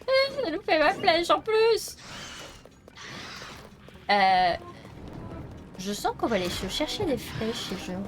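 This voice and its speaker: A young woman with a French accent talks through a live game stream in a high, lively voice that swoops up and down. She gets excitable and panicky, repeating herself, with faint music playing behind her. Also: takes it slowly, long pauses. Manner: excitable, panicky repetitions and frequent laughter. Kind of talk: live gameplay commentary.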